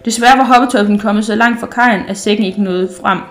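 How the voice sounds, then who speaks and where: A woman reading a children's book aloud, gentle and unhurried, with small slips and restarts. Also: medium pitch, steady tone. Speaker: storyteller.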